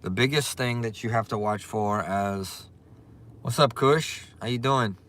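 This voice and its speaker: A Louisiana man with a strong Cajun accent hosts a casual livestream, chatting in a relaxed way and greeting viewers by their comment names. His voice is lowish and unhurried.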